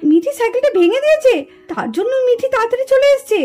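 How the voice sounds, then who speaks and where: A woman's voice: very high voice, expressive, quick pace, dark tone, soft background music. A woman voicing a busy, patient young mother in a doll puppet show, asking puzzled questions and soothing others. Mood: calm.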